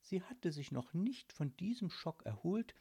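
Woman, breathy voice, slow, lively swoops, low-ish pitch, dramatic storybook reading. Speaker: narrator.

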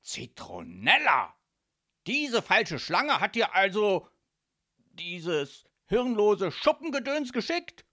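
A man voicing a loud, hot-tempered mafia boss father who blusters and bellows in a storybook reading. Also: medium pitch, huge pitch swings, a little slow, creaky, breathy edge, dry recording, clean studio sound, full character voice. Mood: outraged.

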